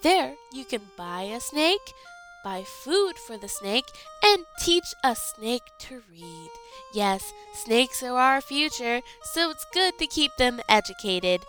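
A woman puts on a peppy girl pitching a product in a mock radio advert. The voice is bright and a little high, and the sales patter is slow and upbeat. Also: sing-song, soft background music, heavily acted. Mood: salesy. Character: peppy girl reading a silly ad.

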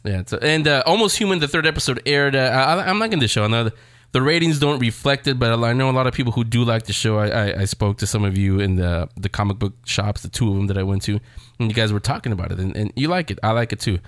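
He talks fast in a mid-range, fairly bright voice, recorded in studio quality with no room sound. This male host runs a casual TV review chat, rambling conversationally and speaking straight to his viewers.

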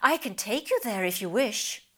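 A woman's voice: mid-range voice, animated, moderate pace, close to an everyday voice. A woman voicing an old, scheming male pelican who speaks solemnly and grandly. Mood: soothing.

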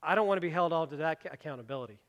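High-voiced male preacher in a reverberant hall. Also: animated, racing, fairly bright tone, lo-fi sound. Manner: conversational, emphatic preaching with personal asides. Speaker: pastor. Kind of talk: sermon. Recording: long reverb of a large hall.

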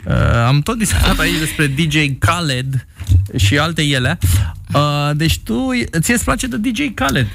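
Male radio host, teasing joker, gravelly and animated. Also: fairly high pitch. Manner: teasing, playful, lively. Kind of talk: joking radio chat.

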